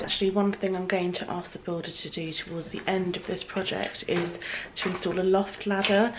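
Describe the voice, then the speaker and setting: A woman's voice: on the low side, noisy background. Chatty British woman vlogging to camera. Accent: British English. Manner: chatty, talking to camera while walking around. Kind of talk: casual vlog chat. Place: house under renovation, indoors. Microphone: handheld camera at arm's length.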